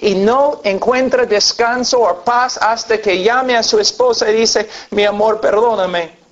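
A man's voice: extremely high pitch, fairly even intonation, a little slow, a bit bright. A man preaching a sermon to a congregation, telling stories earnestly and acting out the people in them, on a dull lo-fi recording. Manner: earnest storytelling with acted-out voices.

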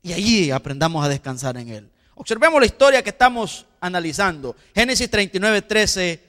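A man's voice: high-pitched, big pitch swings, brisk, fairly bright tone. A man preaching a sermon as pastor, emphatic, asking the congregation rhetorical questions and repeating words. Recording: long hall reverb.

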